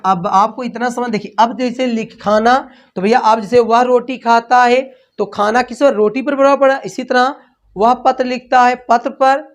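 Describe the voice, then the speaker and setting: A man's voice: very high voice, lo-fi sound. A man teaching a grammar lesson, repeating key terms as questions and correcting himself as he writes on a board. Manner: repeats key terms as questions, slow and drawn out when dictating; self-corrects mid-sentence. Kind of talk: online classroom lesson.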